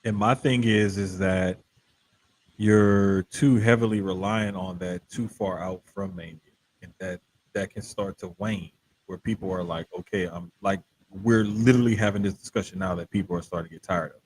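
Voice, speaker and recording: A man's voice: sits low, fairly even intonation, moderate pace, slight background noise, poor audio. A man co-hosting a casual wrestling discussion, speaking in a slangy, emphatic way. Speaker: wrestling podcast co-host. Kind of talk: casual chat, wrestling commentary.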